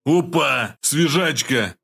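A man's voice: medium pitch, a little fast, pitched above the performer's own voice, lightly acted. A man doing a crude, mocking paunchy thug. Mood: mocking, coarse. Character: fat, coarse male thug in camouflage, mocking.

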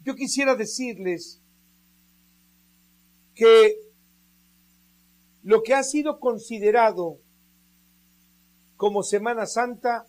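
This radio preacher takes his time, drawing out his words with emphasis in a mid-range, darkish voice. His sermon is full of rhetorical questions and direct appeals to listeners, and the recording is rough.

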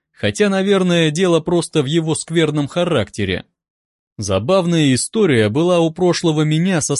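A man calmly reading a first-person audiobook in an even, wry manner, close to a studio mic. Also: a little high, no room sound. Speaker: audiobook narrator.

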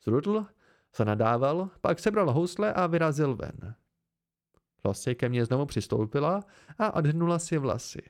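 A man reading a novel aloud as an amateur audiobook, in an even, measured way. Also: a little high. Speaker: audiobook reader.

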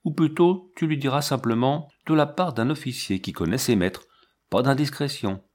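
A man's voice: mid-range voice, moderate pace, darkish tone, voice pushed up, close to an everyday voice. A man reading the part of a stern, aloof army captain in his thirties, in a curt, commanding manner for an audiobook.

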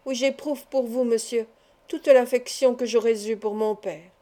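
A woman's voice: on the high side, fairly even intonation, measured pace, warm tone, lightly acted. A woman voicing an earnest, emotional young man who pleads with an older friend, in a read-aloud novel. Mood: pleading. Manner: emotional, imploring.

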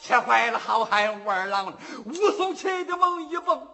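Very high, bright-voiced male storyteller. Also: sing-song, moderate pace, vocal fry, faint music behind. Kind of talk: traditional storytelling narration.

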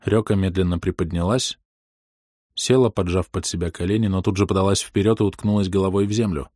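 Low-voiced male audiobook narrator. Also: no room sound, studio quality. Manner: steady, measured reading. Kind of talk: first-person audiobook narration.

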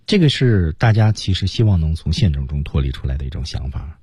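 A man teaching English on radio, with a husky, darker voice that sits fairly low but swings widely in pitch. He takes song lines apart word by word, pointing out stress and linking. The recording is close and dry. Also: very animated, fairly quick, mellow, dry recording. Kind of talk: radio lesson on pronunciation and singing.

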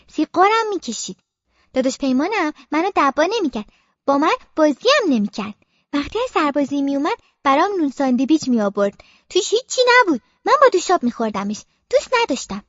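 A woman narrating a story as a young girl in the first person, childlike and expressive, with playful sound effects, on a slightly muffled dry recording. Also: high-pitched, dry recording. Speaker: audiobook narrator.

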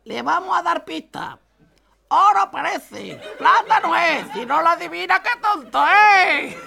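A man voicing a cheeky air-traffic controller who answers with a taunting sing-song riddle, in a squeaky voice. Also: animated, a little slow, creaky, pushed and bright, heavily acted. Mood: mocking.

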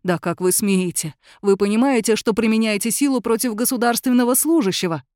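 An indignant official shouts his demands, as a woman narrator puts him on. His voice sits higher and louder than her narration. The sound is dry and close. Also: a little fast, no echo, close to an everyday voice. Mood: furious. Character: agitated man, a proud state official.

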